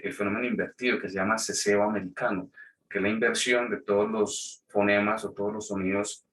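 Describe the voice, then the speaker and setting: Low-voiced man lecturing, mic far off. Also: fairly bright tone. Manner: explanatory, checks in with listeners with frequent "right?"; restarts and corrects words mid-phrase. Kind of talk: online lecture.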